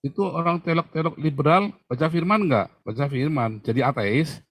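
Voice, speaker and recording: A man's voice: on the high side, normal speed, dry recording, clean studio sound. A male pastor answering a Bible question, teaching through emphatic questions he puts to his listener.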